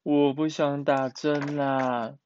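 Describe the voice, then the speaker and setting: A man's voice: on the high side, flat delivery, takes it slowly, a little mellow, smooth, lo-fi sound. A man voicing a small girl chick who is frightened of getting a shot, speaking in a whiny, pleading way. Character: little chick girl, scared of shots.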